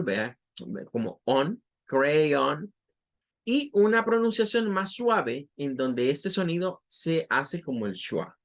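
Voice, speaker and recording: Latin american guy teaching english vocab, talks real slow, says each word over and over. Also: a little high, fairly bright tone. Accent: Latin American Spanish. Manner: patient, repeats each word slowly for pronunciation. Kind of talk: online vocabulary lesson.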